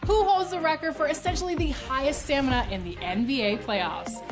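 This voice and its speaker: A woman's voice: high voice, brisk, music in the background. A woman presenting sports trivia questions in a presenter's style.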